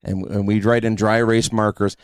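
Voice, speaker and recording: A man hosting a podcast, telling stories in a brash, profane, animated way. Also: on the low side, brisk, clear, resonant tone, dry recording, studio quality. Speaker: podcast host. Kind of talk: casual podcast chat.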